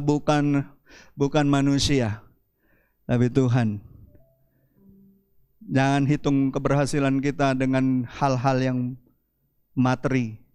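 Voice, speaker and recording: A pastor delivers a church sermon in a smooth voice, swinging dramatically in pitch and loudness. Faint music plays behind him.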